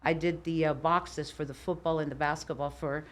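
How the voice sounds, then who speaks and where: Speaking at normal speed in a low-pitched voice, an older woman from Cuba is a loud, strong-minded podcast guest. In the studio, she spins lively stories during a relaxed interview.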